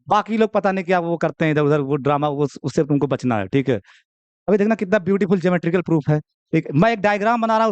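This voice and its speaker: A man's voice: high voice, smooth, no room sound. A young man teaching maths to a class, chatty and teasing, often checking in with "okay". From India. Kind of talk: classroom lecture.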